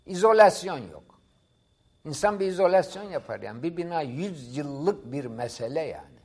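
A middle-aged man speaks as a professor on a discussion program. He talks in a didactic, emphatic manner. His voice sits a little high for a man. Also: lively intonation, moderate pace, breathy edge. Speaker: professor as studio guest. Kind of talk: explanatory talk-show discussion.

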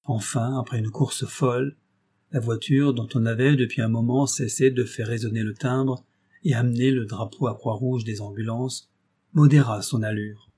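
A man narrating an adventure novel in a measured, expressive reading. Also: medium pitch, husky. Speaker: audiobook narrator. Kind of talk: scripted narration.

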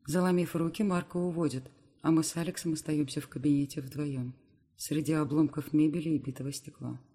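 A man narrates a first-person novel for an audiobook in a steady, scripted, brisk delivery. His voice sits slightly high.

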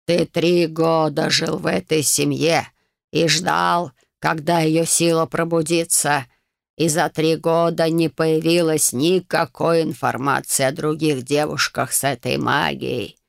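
A frail, scheming old man, put on by a woman reading a storybook, drags out every word in a low, grating creak. He hisses and complains rather than speaks. The sound is dry and close. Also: flat delivery, no echo. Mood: pressing. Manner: slow, hissing, querulous.

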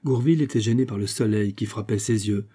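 A man narrating a classic novel as an audiobook, in a measured, even storytelling manner. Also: lowish voice, breathy edge. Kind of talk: scripted narration.

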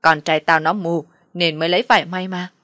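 A woman's voice: fairly even intonation, fairly quick, no room sound, clean studio sound, natural voice. Woman doing a screaming, abusive mother-in-law. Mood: furious scolding. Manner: shrill, abusive shouting. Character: furious scolding middle-aged mother-in-law.

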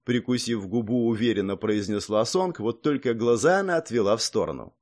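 A man narrating a fantasy audiobook in the first person, expressive and acting out the dialogue. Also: mid-range voice, a little fast. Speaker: audiobook reader.

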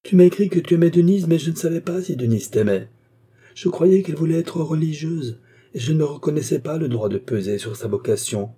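A man's voice: mid-range voice, normal speed, dark tone, husky, natural voice. A man reading an audiobook, voicing a frail, stubborn and emotional old marquis in a raised voice. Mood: moved. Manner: insistent, emotional.

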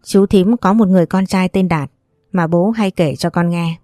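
A stern older man, firm and scolding, as a woman storyteller reads him. The voice sits low and mellow in a dry, close recording, with faint music behind. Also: normal speed, no echo, close to an everyday voice. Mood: gentle. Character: stern older man, protective uncle figure.

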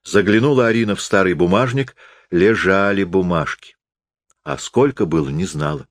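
A man calmly reading a classic story aloud, with measured storytelling. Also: deep voice, no room sound. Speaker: narrator. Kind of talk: literary audiobook reading.

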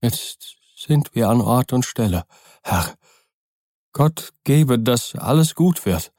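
A man's voice: medium pitch, animated, slow, a little mellow, no echo, studio quality. A man voicing a frightened, trembling old male servant who speaks in an agitated, pleading way. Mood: fearful.

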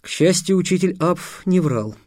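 Мужчина читает художественный текст размеренно и ровно, как рассказчик аудиокниги. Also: male voice, sits high, expressive, normal speed, darkish tone, dry recording, clean studio sound. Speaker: audiobook narrator. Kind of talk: scripted narration.

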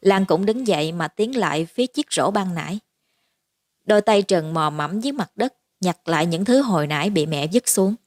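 A woman reading a Vietnamese-language horror story aloud in a steady, measured narration. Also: on the low side, no room sound, studio quality.

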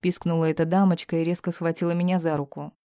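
A woman narrating an audiobook in a measured, even reading. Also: fairly low pitch, no room sound, studio quality. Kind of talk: scripted narration.

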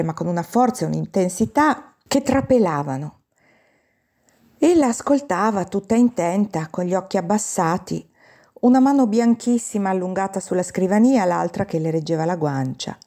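A woman's voice: on the low side, expressive, moderate pace, dark tone. A woman reading a classic novel aloud as an audiobook, narrating expressively and lifting her voice for the characters' quoted lines. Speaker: audiobook reader.

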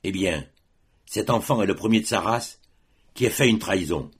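A man's voice: deep voice, animated, moderate pace, husky, heavily acted. A man voicing a stern middle-aged Corsican father who speaks in cold, terse commands.

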